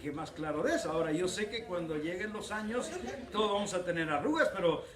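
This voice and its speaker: A Mexican-accented pastor preaches in a high, swooping voice, joking and acting out little scenes between husband and wife. He is heard from some distance in an echoey church hall. A congregation laughs audibly behind him. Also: expressive, fairly quick, a loud crowd. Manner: joking, acts out little dialogues. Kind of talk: humorous sermon.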